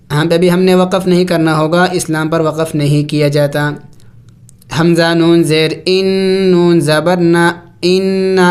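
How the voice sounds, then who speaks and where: Recitation teacher, tajweed lesson, flat even delivery, slow spelled-out syllables, quick explanations between. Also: medium pitch. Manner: spells out each syllable slowly, then explains in quick asides; chants the verses in long, drawn-out recitation.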